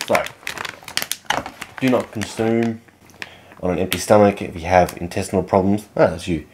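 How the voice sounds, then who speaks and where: Deep-voiced teasing Australian man. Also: steady tone, fast talker. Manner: teasing, dry and matter-of-fact. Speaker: host. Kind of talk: casual challenge video. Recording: noticeable background noise.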